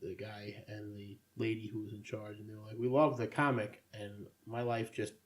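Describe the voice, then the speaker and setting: A man's voice: lowish voice, completely flat delivery, normal speed, a little mellow. A man co-hosting a casual podcast, rambling with sardonic asides. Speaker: podcast co-host. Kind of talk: casual chat.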